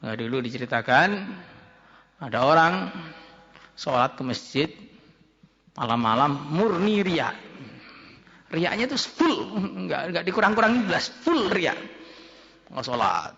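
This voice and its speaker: A male preacher delivers a lively, story-filled sermon full of acted quotes and humor. His voice is high and bright. A long hall reverb and a dull, lo-fi sound surround him. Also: measured pace, pauses often. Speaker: preacher at an Islamic boarding school.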